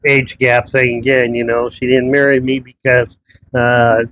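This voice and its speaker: A man's voice: medium pitch, little pitch movement, a little slow, fairly bright tone, a little hiss or hum, low-quality recording. Rambling middle-aged man vlogging. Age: 50s. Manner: rambling, conversational storytelling. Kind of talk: casual personal monologue. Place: his townhouse abroad.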